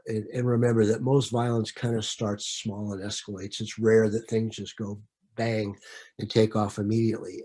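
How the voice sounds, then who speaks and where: A man's voice: lowish voice, a little mellow, slightly rough. A man leading a training session in a conversational way, with frequent fillers and repeated words. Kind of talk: training presentation.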